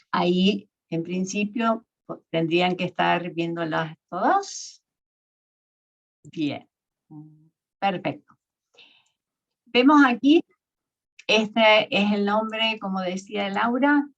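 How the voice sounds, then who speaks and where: A woman from Argentina, giving an academic lecture in a measured way, with fillers and self-corrections. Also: fairly low pitch, lo-fi sound. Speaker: guest lecturer.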